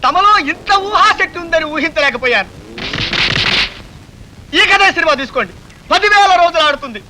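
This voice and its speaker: Dramatic guy begging to be let off, super high sharp voice. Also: full character voice, rough recording. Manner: pleading, theatrical, flowery. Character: worn-out listener begging to be let go. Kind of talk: film dialogue.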